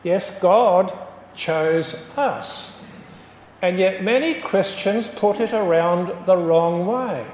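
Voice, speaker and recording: Slow, high-voiced preacher in an echoey church. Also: male voice, a little mellow, slight background noise. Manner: storytelling, measured and emphatic. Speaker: pastor. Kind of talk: sermon.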